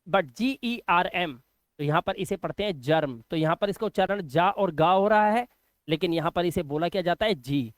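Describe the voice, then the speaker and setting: A man's voice: sits high, dry recording. A man teaching a phonics lesson, patiently spelling words out letter by letter and repeating them.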